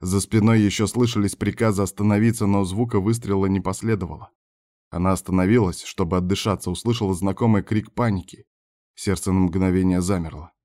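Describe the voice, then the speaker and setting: A man narrating an audiobook with steady storytelling. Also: deep voice, brisk. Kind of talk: scripted narration.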